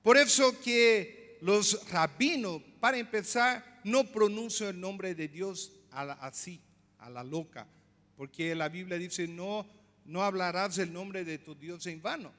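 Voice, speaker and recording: A male pastor preaching a sermon, explaining slowly, repeating words and asking the congregation questions. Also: high voice, a bit bright, in a large hall. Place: church.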